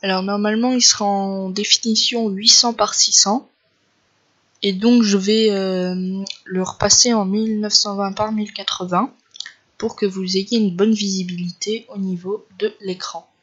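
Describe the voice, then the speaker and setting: A tech tutorial creator with a Northern French ch'ti accent narrates a casual screen recording, walking through a computer tutorial in an informal, loose, step-by-step way. His voice sits high with a sharp tone and little pitch movement, at a measured pace, in a dull lo-fi home recording.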